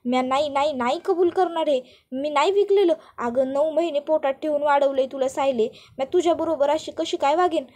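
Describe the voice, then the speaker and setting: A woman's voice: sits high, brisk, darkish tone, pitched above the performer's own voice, close to an everyday voice. Woman doing a wailing melodramatic village mother. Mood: pleading wail. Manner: pleading, protesting, theatrical wailing in rural dialect.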